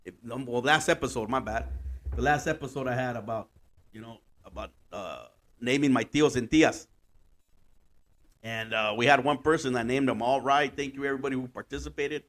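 A man's voice: mid-range voice, fairly quick, a bit bright. Casual male podcast host, loose and repetitive. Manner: loose, repeats phrases for emphasis. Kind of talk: casual solo podcast chat, bilingual slang and swearing.

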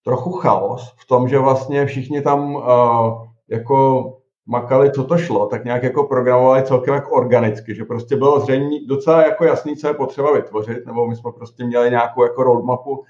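A man's voice: mid-range voice, fairly even intonation, few pauses, a little mellow. A man in his forties, a tech executive, talking casually in an interview and hesitating often with fillers and restarts. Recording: dull, roomy recording.

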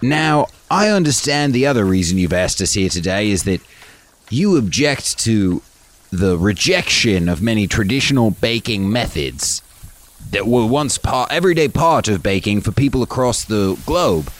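A man playing a mock-serious interviewer in a deadpan comedy sketch. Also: on the low side, moderate pace.

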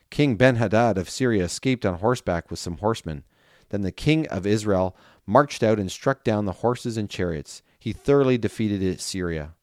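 A man reading scripture aloud at a steady, measured pace. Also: lowish voice, no echo, studio quality. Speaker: scripture reader.

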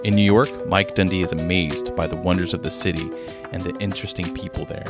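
A man co-hosting a casual movie podcast, playfully reading out summaries and fun facts with quick asides. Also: low-pitched, fairly even intonation, over music. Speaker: podcast co-host.

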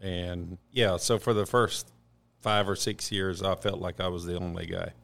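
A man from northern Missouri, a shed hauler and podcast guest, telling stories in a relaxed, self-deprecating way from a hotel room. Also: sits low, measured pace, gravelly. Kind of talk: casual storytelling.

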